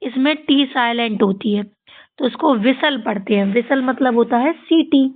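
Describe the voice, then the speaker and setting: A woman teaching English phonics to children, sounding words out letter by letter, repeating each one, and often checking in with the class. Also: moderate pace. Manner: often ends with a high-pitched tag question to the children. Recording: tinny, phone-like audio.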